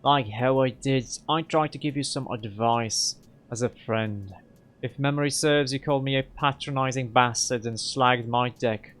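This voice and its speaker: Guy doing a jumpy whiny hacker dude, defensive, pitched up and strained. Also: steady tone, moderate pace, fairly bright tone, lightly acted.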